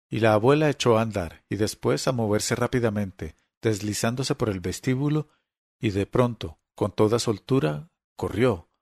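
A man narrating an audiobook in a steady, dramatic storytelling manner. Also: fairly low pitch, dry recording, studio quality.

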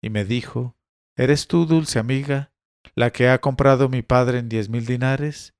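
A man's voice: mid-range voice, fairly even intonation, measured pace, darkish tone, clear, resonant tone, no echo, lightly acted. A man voicing a submissive young slave woman in a spoken story reading, with a dry sound. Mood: pleading.

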